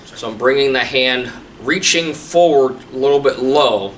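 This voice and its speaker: A man's voice: mid-range voice, unhurried, fairly bright tone. A man explaining techniques informally as a taekwondo instructor in a tutorial. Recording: distant mic, faint room noise.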